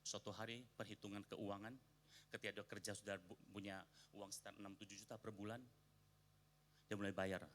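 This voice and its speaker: A man with a clear, bright, forward voice preaches in a church, speaking with an Indonesian accent. He tells a personal story and acts out the quoted arguments in it, growing louder as he stresses his point. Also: lowish voice, flat delivery, fairly quick, pauses often, a little hiss or hum. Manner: storytelling, acting out quoted arguments with rising emphasis. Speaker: pastor. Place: church sanctuary.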